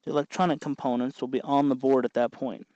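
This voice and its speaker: Hosting a hands-on DIY electronics tutorial, this man talks fast in a warm, steady, mid-range voice, explaining every step patiently and folksily as he goes. There's no room sound, though the audio is lo-fi.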